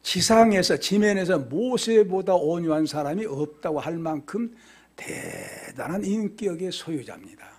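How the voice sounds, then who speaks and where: A middle-aged male pastor preaching an expository sermon, asking the congregation questions and answering them himself, with sudden loud exclamations and quiet drops. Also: sits high, expressive, a little slow, slightly rough.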